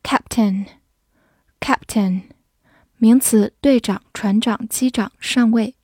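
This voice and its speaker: Slow, mellow woman reading vocabulary. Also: a little high, slightly rough, dry recording, clean studio sound. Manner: says each word twice slowly, then calm definitions. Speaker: English vocabulary teacher.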